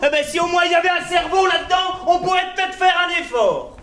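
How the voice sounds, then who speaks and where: An actor playing an excitable, pompous man in a stage farce, hammy and declamatory. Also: extremely high pitch, fast talker. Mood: mock outraged. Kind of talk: comic stage play acting. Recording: echoey stage recording, faint noise.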